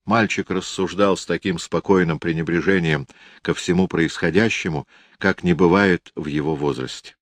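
Deep-voiced male audiobook narrator. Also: steady tone, normal speed, no echo. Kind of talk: scripted narration.

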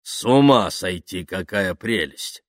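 A man playing a pompous crooning baritone actor. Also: lively intonation, slow pace, no echo, studio quality. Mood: theatrical. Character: vain smooth middle-aged actor, theatrical baritone.

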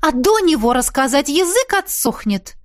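A woman voicing a fiery young heroine who is quick to anger, talking sharply and sarcastically. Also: high voice, big pitch swings, pitched above the performer's own voice. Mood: exasperated.

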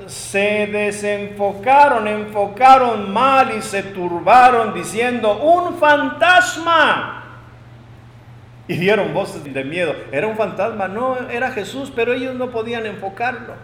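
A man preaching a sermon, emphatic, swinging between loud proclamations and quiet asides, recorded in a church hall. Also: high-pitched, slight background noise.

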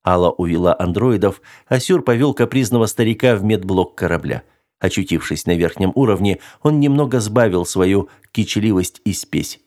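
A male narrator reads fiction in a low, steady voice. His delivery is even and measured. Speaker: audiobook narrator. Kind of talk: scripted narration.

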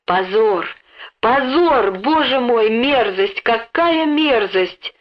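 A woman's voice: medium pitch, animated, measured pace. A woman voicing an emotional, genteel mother in a storybook, speaking in trembling exclamations. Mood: outraged. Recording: dull lo-fi recording.

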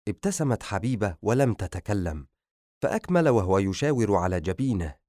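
A male narrator reads a novel aloud for an audiobook. His voice is fairly low but moves freely in pitch, and the recording is dry. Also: big pitch swings, fairly quick, a little mellow, no room sound.

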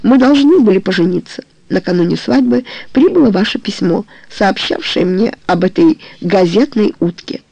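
An audiobook reader voicing a weary, ashamed middle-aged woman who confesses to her suitor in a low, hollow, bitter tone. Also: animated, normal speed, gravelly, hardly any pauses, darkish tone, no echo, poor audio. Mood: confessing.

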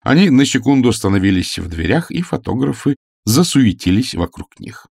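A man narrating a humorous story as an audiobook, reading in an expressive literary manner. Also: mid-range voice, moderate pace, creaky, husky, dry recording, clean studio sound.

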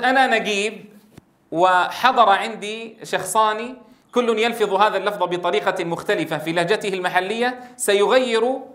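A man from Syria giving a lecture on Quran recitation, acting out different pronunciations and often checking with his listeners. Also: high-pitched. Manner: animated, demonstrates pronunciations and recitation, asks the audience. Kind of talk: classroom lecture.

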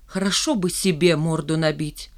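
A reader voicing a rough, blunt, shaggy schoolboy bully in an audiobook. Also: mid-range voice, steady tone, normal speed, close to an everyday voice. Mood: brooding. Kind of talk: audiobook character reading.

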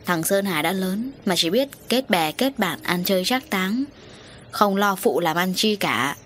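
A woman voicing a weary, stern middle-aged father in an audio story, speaking gravely. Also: mid-range voice, animated, a little slow, a bit bright, slight background noise.

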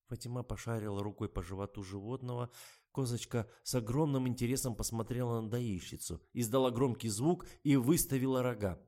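A man reading comic fiction aloud in an expressive storytelling manner. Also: medium pitch, fairly quick. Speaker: audiobook reader. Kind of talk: scripted comic narration.

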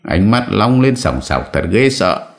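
A man reading a story aloud as an audiobook narrator, in a steady storytelling manner. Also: fairly low pitch, a little slow, vocal fry. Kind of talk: scripted narration.

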